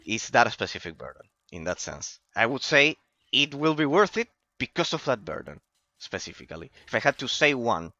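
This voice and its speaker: Bright-voiced young Argentine man, lively pitch. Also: normal speed, no room sound, highs cut off. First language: Spanish. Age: late 20s. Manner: rambling, repeats phrases for emphasis. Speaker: live streamer. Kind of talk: casual chat to viewers during gameplay.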